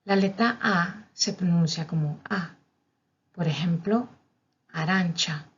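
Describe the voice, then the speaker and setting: Slow, husky woman teaching. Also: lowish voice. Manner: careful, deliberate, spells out each sound. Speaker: language teacher. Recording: dull, lo-fi recording.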